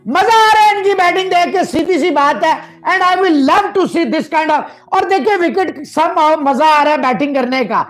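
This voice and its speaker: A man's voice: very high-pitched, unhurried, hardly any pauses, fairly bright tone, poor audio. A man from Pakistan, giving emphatic cricket analysis over a video call and mixing in English phrases. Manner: emphatic, mixes English phrases, repeats words for stress. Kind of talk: cricket debate commentary.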